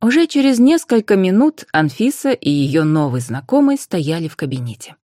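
A woman narrates a fantasy audiobook in an even, measured way. Her voice is mellow and warm, and the recording is dry and close with no room around it. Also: on the low side, no echo.

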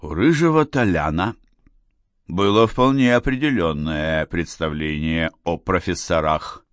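A man's voice: low-pitched, measured pace, dry recording, studio quality. A man narrating an audiobook with ironic storytelling.

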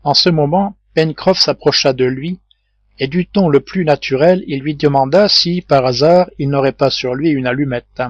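A man narrating a classic novel as an audiobook reader, in a measured literary way. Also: fairly high pitch, no echo, lo-fi sound. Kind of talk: scripted narration.

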